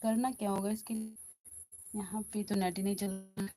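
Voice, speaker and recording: A woman hosting a casual live stream in a quiet back room of a house, chatting and answering viewer comments. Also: mid-range voice, level tone, moderate pace, no echo.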